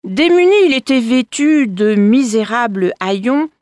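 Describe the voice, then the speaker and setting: A woman storyteller reading a folk tale aloud with expressive delivery, addressing her listeners directly. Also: a little high, takes it slowly, no echo, studio quality. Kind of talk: scripted narration of a folk tale.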